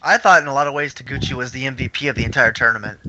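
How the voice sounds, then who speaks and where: A man in a casual podcast chat, chatty and quick to jump in. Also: mid-range voice, highs cut off, background noise.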